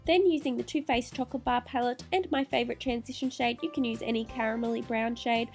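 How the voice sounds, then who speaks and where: A woman's voice: a little high, fairly even intonation, fast talker. A woman with a nasal, stuffy voice from a cold, talking through a makeup tutorial. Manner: chatty, apologetic asides. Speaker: beauty vlogger. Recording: faint background music.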